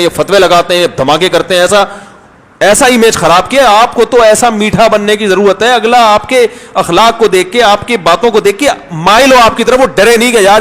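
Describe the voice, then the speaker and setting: High-voiced male cleric in a reverberant hall. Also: a bit bright. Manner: conversational, anecdotal, acts out voices in stories. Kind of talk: storytelling religious talk.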